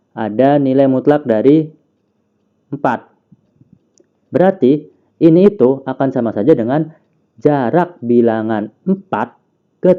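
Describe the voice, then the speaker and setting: In narrow, tinny audio, a man with a mid-range voice patiently explains a math lesson. He counts aloud and asks questions only to answer them himself.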